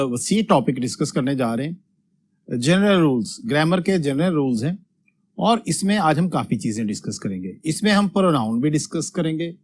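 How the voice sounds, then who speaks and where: A male teacher giving a grammar lesson at a board. He explains step by step, keeps saying "dear students", and reads English example sentences slowly. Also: a little high.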